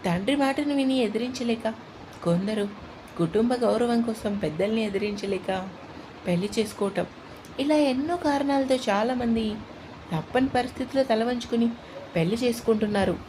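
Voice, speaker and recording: A woman voicing a gentle, protective middle-aged uncle who reassures and teases his niece. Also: on the high side, normal speed, noisy background, natural voice. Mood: gentle reassuring.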